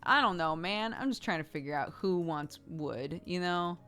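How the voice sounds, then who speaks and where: Woman streamer narrating over clear background music. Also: fairly low pitch, lively intonation, moderate pace, pushed and bright. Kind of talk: reading a story game aloud with casual live commentary.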